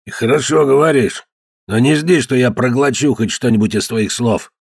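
A man voicing a huge, hairy, brutish cave man with a hoarse, bullying voice in an audiobook. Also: medium pitch, normal speed, dry recording, clean studio sound, pitched above the performer's own voice. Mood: suspicious. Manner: barking, bullying. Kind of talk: audiobook character voice.

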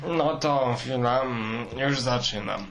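A man's voice: mid-range voice, fairly bright tone. A man narrating a comic fairy tale as a rambling, forgetful grandfather, heard from an old worn tape recording of poor quality. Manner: slow, rambling, forgetful, hesitant. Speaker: storyteller grandfather.

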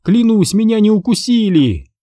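A frightened teenage girl in an audiobook horror story, pleading in a high, tearful voice, as a man reads her part. The tone is mellow and close, with a dry sound. She swings her pitch widely while she begs. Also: big pitch swings, moderate pace, dry recording.

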